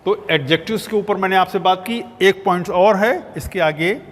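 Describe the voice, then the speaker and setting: A man's voice: high-pitched, normal speed, fairly bright tone. A man teaching a botany lecture, explaining terms patiently and slipping English words into his talk. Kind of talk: recorded lecture. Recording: long hall reverb.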